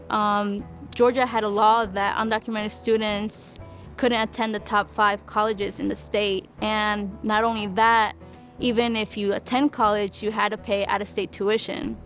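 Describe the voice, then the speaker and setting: A woman's voice: medium pitch, fairly bright tone. Young woman, college student, earnest, reflective, faint music behind. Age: young adult. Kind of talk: documentary interview.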